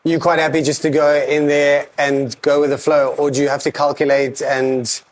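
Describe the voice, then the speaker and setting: Halting male interviewer, fairly high voice. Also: level tone. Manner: halting, rephrases questions mid-sentence. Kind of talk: casual interview questions.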